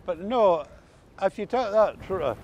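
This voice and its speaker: A man's voice: high-pitched, animated, a little slow, a little mellow, dull audio, slight background noise. An older man with an Ulster Scots accent, reminiscing in a casual chat with folksy, dialect-rich storytelling. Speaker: interviewee recalling old country life.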